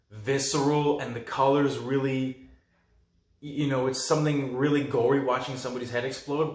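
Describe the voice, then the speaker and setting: A man hosts a podcast and retells a film casually, piling up ums and false starts as he goes. His voice sits at an ordinary middle pitch. The recording has a noticeably roomy echo. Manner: rambling, enthusiastic retelling with many fillers. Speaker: podcast host.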